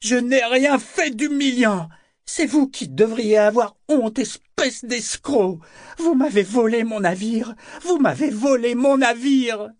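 A man's voice: a little fast, no room sound, studio quality, close to an everyday voice. A man reading an audiobook, voicing a tipsy, fiery young woman who shrieks in defiance. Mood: shrieking. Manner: shrill, shrieking.

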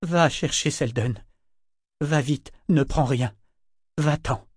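A stern, resolute older woman who speaks in cold, measured, firm tones, as a male reader takes her part. The recording is dry and close. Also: on the high side, slightly rough, dry recording. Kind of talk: audiobook character voice.

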